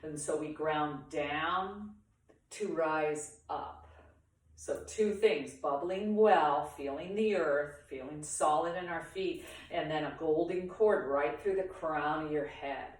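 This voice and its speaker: Woman tai chi teacher, low slow voice, short paused instructions, super echoey and far from the mic. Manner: talks through movements in short, pausing instructional phrases. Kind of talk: guided movement lesson for beginners.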